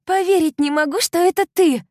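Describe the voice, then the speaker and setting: A woman reading an audiobook, voicing an excitable young woman who talks loudly and breathlessly as a best friend. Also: normal speed, no echo, clean studio sound. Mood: excited. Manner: high, loud, breathless exclaiming. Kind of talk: audiobook character voice.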